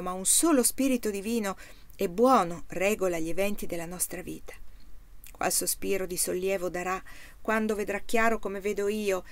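A woman's voice: medium pitch, dry recording, lightly acted. A woman voicing an earnest young male farmhand in an audiobook reading, heartfelt and musing. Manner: musing, heartfelt inner monologue.

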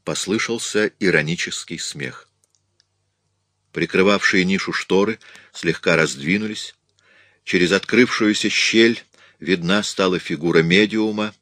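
A man with a very deep voice narrates a story in a measured, steady way. The recording is dry and close, with no room sound. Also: no room sound. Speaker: audiobook narrator. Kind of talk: scripted narration.

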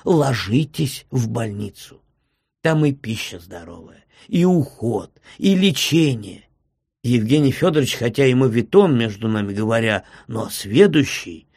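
A man voicing a tender, tearful older postmaster who speaks softly and pleads in a lowered, whispering voice, in a storybook reading. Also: slightly rough, no echo, clean studio sound, heavily acted.

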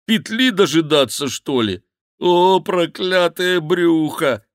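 A man voicing a fat, cowardly male monk who wails and pleads loudly, in a high, drawn-out voice in an audiobook. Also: dry recording, clean studio sound. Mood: pleading. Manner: wailing, pleading, loud lamenting.

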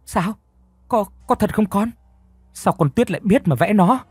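Brief: a startled middle-aged mother in an audiobook story, lively and husky, as a male reader puts her on. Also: mid-range voice, moderate pace, no room sound. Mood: alarmed. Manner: exclaiming, stammering.

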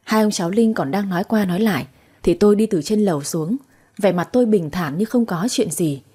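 Young female storyteller, calm first-person narration; mellow, breathy timbre. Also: medium pitch, a little fast.

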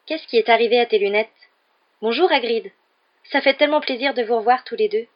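A woman's voice: fairly high pitch, a little fast, highs cut off, voice pushed up, natural voice. A woman playing an eager schoolgirl witch.

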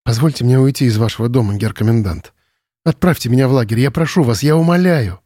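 Man reading a soft-spoken captive young woman, calm and defiant, quiet steady voice. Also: mid-range voice, moderate pace, breathy edge, no echo, studio quality, natural voice. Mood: timid. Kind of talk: audiobook character reading.

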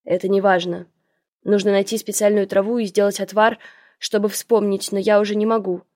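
A woman voicing a gloomy, blinded old uncle who speaks gravely and firmly. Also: mid-range voice, flat delivery, a little fast, a little mellow, no echo, clean studio sound, natural voice.

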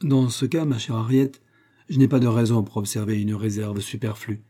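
A man's voice: on the low side, fairly even intonation, normal speed, mellow, natural voice. A man voicing a clever, proud young woman in a read-aloud novel, speaking in a raised, earnest way.

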